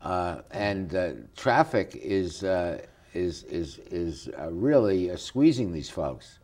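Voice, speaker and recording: A man hosting a talk show interview, relaxed and folksy, with hesitant fillers. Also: low-pitched, slow. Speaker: host. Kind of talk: casual interview chat.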